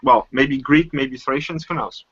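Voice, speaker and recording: A man with a Bulgarian accent chats as a guest, stopping and restarting his sentences often. His voice is bright and forceful. The audio is dull and lo-fi, with a dry, close sound. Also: medium pitch, measured pace, breathy edge, dry recording. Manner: hesitant, many restarts and fillers. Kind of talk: casual chat.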